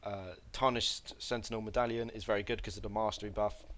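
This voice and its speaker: A game guide presenter with a fairly low, slightly bright voice gives a casual gameplay tutorial at a fairly quick pace and fairly even intonation, over slight background noise. He rambles, corrects himself, and uses lots of fillers, coughing a little from slight throat irritation.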